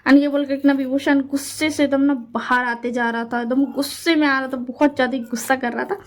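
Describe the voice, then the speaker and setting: A woman's voice: high voice, fairly even intonation, fairly quick. A woman who wrote the story retelling it in a chatty, repetitive way, mixing in English words. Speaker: fanfiction author and narrator.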